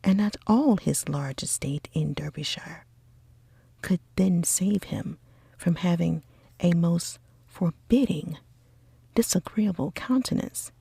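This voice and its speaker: A woman reading a story for sleep in a slow, gentle, breathy ASMR whisper. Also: lowish voice, no echo. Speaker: audiobook reader for sleep.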